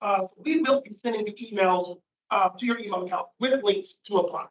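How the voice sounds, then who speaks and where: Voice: medium pitch, brisk. A recruiter speaking emphatically to an audience, checking in with "okay?". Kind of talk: casual public talk. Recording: echoey, muffled room.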